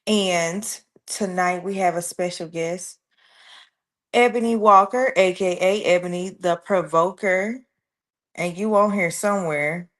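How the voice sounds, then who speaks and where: A woman hosting a casual livestream interview show, playful and quick to laugh, using easygoing slang. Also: on the low side, fairly even intonation, a bit bright. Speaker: host.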